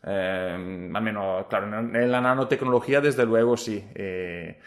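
Speaking Spanish with an Italian accent, this guest from Italy, a social media scientist, responds to interview questions haltingly, full of fillers and false starts. His voice is lowish and his pace unhurried.

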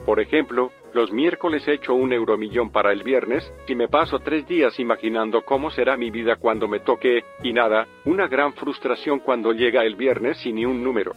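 A man's voice: medium pitch, normal speed, muffled recording, faint music behind. Clangy robotic older caller, a man voiced. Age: 60s. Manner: flat, bitter deadpan complaints. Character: gloomy hopeless older male radio caller. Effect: metallic robotic voice.

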